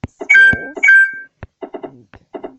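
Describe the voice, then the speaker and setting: A woman hosting a casual gameplay walkthrough, talking hesitantly with many ums and restarts. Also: extremely slow. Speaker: gaming channel host. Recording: dull lo-fi audio with loud noise.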